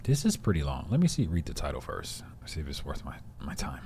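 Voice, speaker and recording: A man's voice: very deep voice, wildly swooping pitch, brisk, dark tone, slight background noise. A man co-hosting a casual talk show, reading a listener's story aloud with jokes and stumbling asides. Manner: joking, loose, reads with stumbles and asides. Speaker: podcast co-host reading listener stories.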